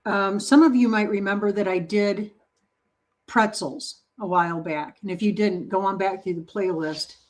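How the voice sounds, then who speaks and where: A woman's voice: medium pitch, fairly even intonation, moderate pace. A woman hosting a home baking livestream, chatting casually and answering viewer comments in a playful, encouraging way. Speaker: baking channel host.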